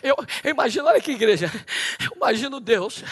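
Male pastor, high voice, Brazilian, preaching a sermon that builds to shouted declarations. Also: expressive, fairly quick, breathy edge. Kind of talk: Bible study sermon. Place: church hall.

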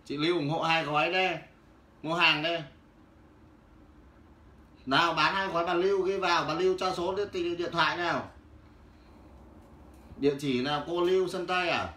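Man, livestream seller, loud teasing patter, very bright tone, roomy echo. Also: fairly high pitch, fairly even intonation, normal speed, pauses often. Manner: loud, teasing, hawking goods to viewers by name. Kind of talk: casual livestream sales patter. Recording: roomy with faint background noise.

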